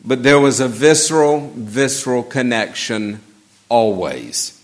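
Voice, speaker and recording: A pastor from Atlanta with a Southern accent giving a measured, reflective funeral sermon with gentle humor in a church. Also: male voice, medium pitch, expressive. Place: church sanctuary.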